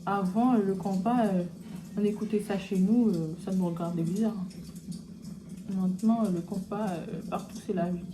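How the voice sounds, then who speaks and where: Young woman, mid-pitch, casual slangy makeup-vlog chat, noisy home recording. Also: moderate pace. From French Guiana. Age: young adult. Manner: chatty, relaxed slangy asides. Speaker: beauty vlogger.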